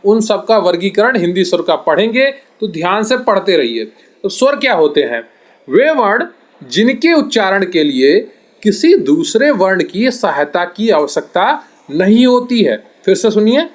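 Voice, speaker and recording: A man teaching an exam-prep grammar lesson, repeating definitions and asking and answering his own questions. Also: high-pitched.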